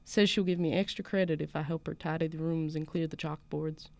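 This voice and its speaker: With a deep, gravelly voice, fairly even intonation and a fairly quick pace, a woman narrates first-person literary fiction aloud. She takes on the role of a defiant small-town schoolgirl in a put-on Southern US accent, sounding wry and defiant.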